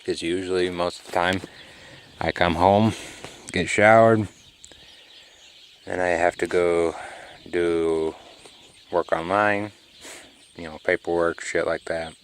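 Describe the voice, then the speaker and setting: A man's voice: deep voice, fairly even intonation, slow pace, pauses often, a little hiss or hum. A man, rambling casually and sleepily to his phone camera outdoors in the country. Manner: laid-back, rambling, drawling. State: sleepy, yawning. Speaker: car vlogger.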